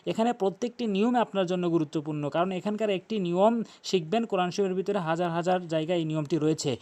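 A man teaching Quran pronunciation, spelling out letters slowly and repeating each correction. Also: high voice, a little mellow.

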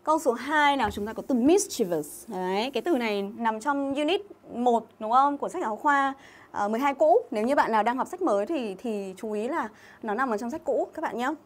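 A woman's voice: a little high, animated, a little fast. Chatty Vietnamese woman teaching English live. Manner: chatty, reads out viewer names and comments. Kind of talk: livestream exam-review lesson.

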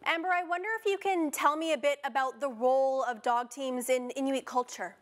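High-pitched woman news interviewer. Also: fairly quick. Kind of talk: broadcast interview questions. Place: TV studio.

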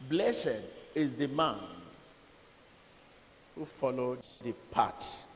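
A middle-aged pastor delivers a sermon to a seated congregation in a large church hall, speaking slowly and emphatically into a handheld microphone. His medium-pitched voice has lively intonation, dramatic swings in loudness, and long pauses between phrases. Long hall reverb and faint room noise fill the recording.

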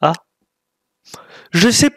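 A man's voice: drawn-out words, sharp tone, dry recording. A man giving casual gameplay commentary, thinking aloud while he plays and mocking himself with frequent apologies. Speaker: gaming YouTuber.

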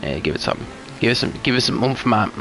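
His mid-range voice swings widely in pitch as he races through his words. Streaming a driving game, this young man chats loosely with viewers, curses often and lets his road rage out.

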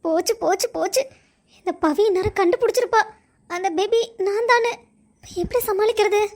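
Woman doing a worried college girl, cartoon story, very high voice, fretful inner talk. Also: normal speed. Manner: fretful inner monologue, rambling. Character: anxious young woman college student.

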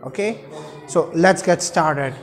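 A man's voice: on the high side, slow. Young man teaching with a Pakistani accent. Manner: emphatic, repeats key terms and checks with "okay" and "right". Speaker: chemistry teacher. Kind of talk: whiteboard lecture, explanatory. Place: indoor room at a whiteboard. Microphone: lapel mic.

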